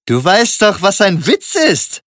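A man's voice: medium pitch, very animated, unhurried, breathy edge, no room sound, studio quality, full character voice. A man voicing a gaunt, cruel-faced thug in a bar who barks and taunts. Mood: taunting. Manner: barking, taunting.

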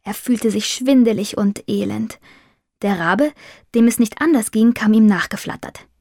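A woman narrating a children's story in a calm, measured way, close to the microphone. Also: mid-range voice, no room sound. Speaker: audiobook narrator.

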